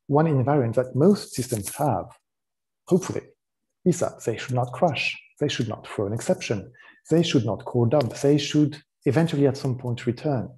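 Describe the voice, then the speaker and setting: A man with a French accent giving a technical conference talk. His voice is mellow and dark, and he explains in a relaxed way, often pausing on "um" and restarting his sentences. French is his first language. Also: medium pitch. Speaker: conference speaker.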